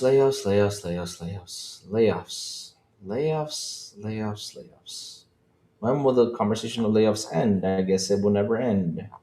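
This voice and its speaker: A man from the Dominican Republic hosting a casual gaming podcast stream, animated and laughing, moving from loud outbursts to mumbled asides. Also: medium pitch, echoey room. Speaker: podcast host. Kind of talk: casual livestream chat.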